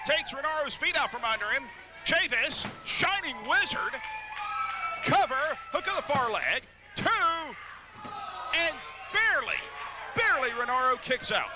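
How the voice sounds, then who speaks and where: A man doing live play-by-play wrestling commentary in clipped, blow-by-blow phrases. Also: very high voice. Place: live wrestling event in an arena. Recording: noisy live event sound.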